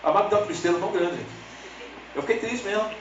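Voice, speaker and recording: Man, Brazilian accent, lay preacher, quick jokey delivery, fairly high voice, roomy church echo. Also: lo-fi sound, noisy background. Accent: Brazilian Portuguese. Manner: chatty, jokey, addresses congregation directly; swings into lively high voices for quoted people. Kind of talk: humorous storytelling sermon. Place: church sanctuary. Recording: echoey church hall, slightly distant.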